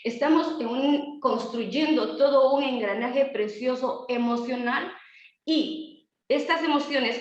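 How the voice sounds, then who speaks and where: A woman's voice: fairly high pitch, heavy reverb, highs cut off. A woman panelist giving a talk on emotions and mental health, coaching listeners through rhetorical questions.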